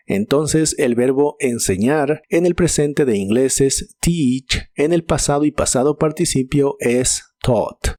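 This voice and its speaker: A man's voice: medium pitch, dark tone, dry recording, studio quality. A man narrating a scripted English vocabulary lesson, carefully spelling out and repeating each word's pronunciation. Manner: slow, deliberate pronunciation drills. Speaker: English teacher.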